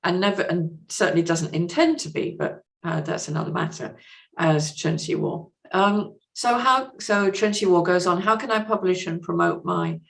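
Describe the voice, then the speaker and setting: A woman appears as a podcast guest and translator in a conversational interview, speaking thoughtfully and hesitantly with explanatory asides, and reads out a message. Her voice is on the low side and creaky, with lively intonation at a moderate pace.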